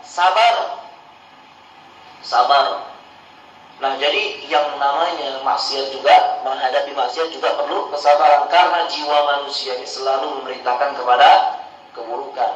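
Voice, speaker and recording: A man's voice: normal speed, pauses often, a bit bright, roomy sound, distant mic, muffled recording, slight background noise. A man preaching a pre-dawn sermon in a mosque. He asks the listeners questions and then answers them himself. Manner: acts out tempted or grieving people in a low murmur.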